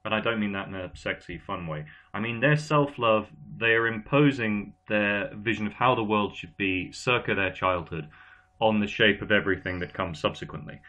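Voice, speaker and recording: A man's voice: on the low side, normal speed, sharp tone. A man who is half Irish and half English hosts a casual panel chat, talking animatedly with an English accent and an Irish lilt. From Ireland and England. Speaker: podcast host.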